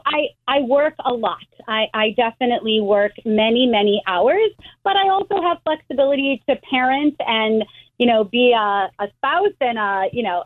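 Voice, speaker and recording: A middle-aged American woman, a rabbi, explaining things in a measured way with frequent restarts over the phone. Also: on the high side. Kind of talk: phone interview. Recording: tinny phone line.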